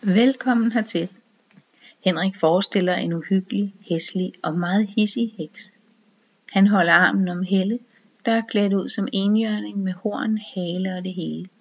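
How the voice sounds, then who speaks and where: A woman narrating a story in an even, measured reading voice. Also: mid-range voice, breathy edge. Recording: dull, dry lo-fi recording.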